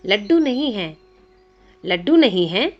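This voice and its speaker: A woman's voice: mid-range voice, sing-song, measured pace. A woman voicing a playful, teasing young man with a divine air, in a narrated devotional story. The recording sounds slightly dull, with faint music behind. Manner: teasing, coaxing.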